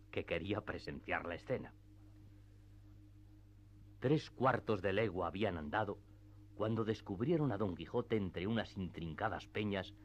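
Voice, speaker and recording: In a radio drama, a man with a fairly low voice narrates classic literary prose as scripted storytelling. The audio sounds slightly dull and muffled.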